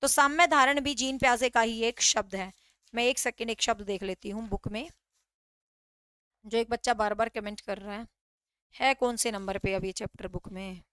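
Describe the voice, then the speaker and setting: Woman teacher, high voice, keeps quizzing the class and answering herself, dry close mic. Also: normal speed, a bit bright, clear, resonant tone, dry recording. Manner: repetitive quizzing, mixes in English words. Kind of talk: online class lecture.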